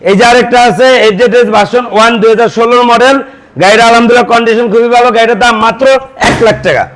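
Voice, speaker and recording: A man with a very high-pitched voice and a Bangladeshi Bengali accent works through a showroom sales pitch. He is a used motorbike salesman who lists selling points and prices in a practised patter, item after item. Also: steady tone, very fast, a bit bright.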